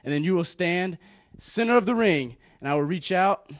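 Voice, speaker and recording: A man's voice: sits high, lively intonation, moderate pace, no echo, clean studio sound. A man giving a wrestling promo in an earnest, emphatic, challenging manner. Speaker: professional wrestler.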